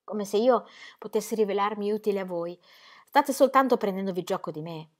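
A woman's voice: mid-range voice, fairly quick, voice pushed up, lightly acted. A woman reading the part of an earnest, anxious young pastor's wife with breathless, gushing emphasis. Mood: eager.

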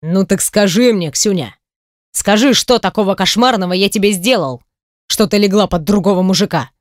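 A woman reading an audiobook voices a stern, proud middle-aged man, gruff and curt. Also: mid-range voice, normal speed, dry recording, clean studio sound, lightly acted. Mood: bitter.

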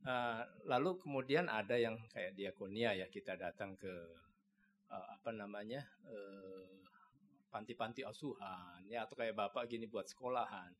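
A man in the congregation puts a halting question to the preacher. He pauses and fills the gaps as he goes. Faint noise hums under his voice. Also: on the low side. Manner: hesitant, with fillers. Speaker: congregation member asking a question.

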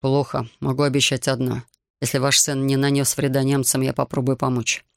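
A man's voice: mid-range voice, little pitch movement, gravelly, dry recording, studio quality, close to an everyday voice. A man doing a stern, composed man of influence. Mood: stern measured. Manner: measured, probing, stern.

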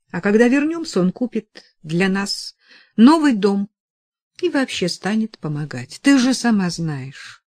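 A woman's voice: on the low side, dark tone, dry recording, studio quality. Woman reading as a hesitant young woman.

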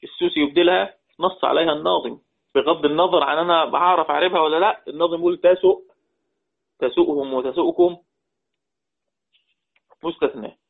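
A man with an Egyptian accent teaching a lesson on Quran recitation rules, quoting verses slowly and then explaining them quickly in colloquial speech while quizzing his students. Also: fairly high pitch, vocal fry. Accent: Egyptian Arabic. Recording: tinny phone-like audio.

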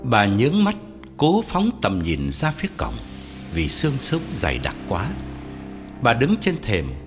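Man, horror story narrator, very expressive pitch, loud music behind. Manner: dramatic, drawn-out storytelling.

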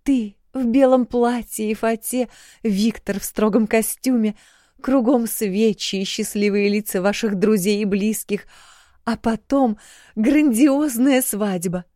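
An enthusiastic older mother, talking with raised excitement, voiced by a woman reader. Mellow tone and a dry, close sound. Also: on the high side, measured pace, dry recording, voice pushed up, natural voice.

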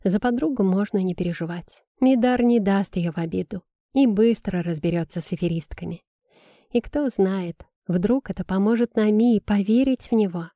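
A woman narrating a first-person fantasy audiobook in an even storytelling manner. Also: medium pitch, normal speed, no room sound, studio quality.

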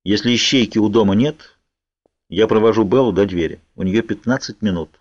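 A man's voice: fairly low pitch, fairly quick, no room sound, natural voice. A man voicing a tense, protective young man who talks in a curt, commanding way, on a dull lo-fi audiobook recording.

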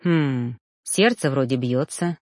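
A woman's voice: rumbling low, slow pace, darkish tone, dry recording, studio quality, voice pushed down, exaggerated voice. A woman doing a stern, cold old elder man. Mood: mocking.

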